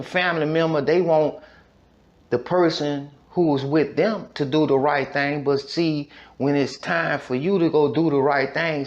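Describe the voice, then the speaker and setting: Here an American podcast storyteller relates a personal tale in a laid-back yet emphatic manner, full of repetition, street slang and check-ins. His voice is a little high, captured with lo-fi sound.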